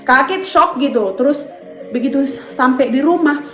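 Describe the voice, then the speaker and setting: Woman vlogger with a fairly high voice, rambling and chatty, recorded in an echoey room. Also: normal speed, a bit bright, soft background music. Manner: chatty and rambling, full of fillers, addresses viewers as friends. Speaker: vlogger and mother. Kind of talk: casual talk to viewers.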